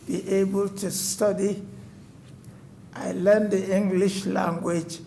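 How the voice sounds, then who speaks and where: Addressing a city code enforcement board at a public meeting in the council chamber, this West African resident in his nineties tells a formal personal story. He speaks in a high voice with vocal fry and a slightly mellow quality, over a little hiss or hum.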